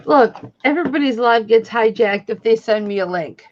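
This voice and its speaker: Woman guest, teasing chat, high lively voice, dull online sound. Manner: teasing, laughs often. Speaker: guest on a reseller live stream. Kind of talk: casual joking chat.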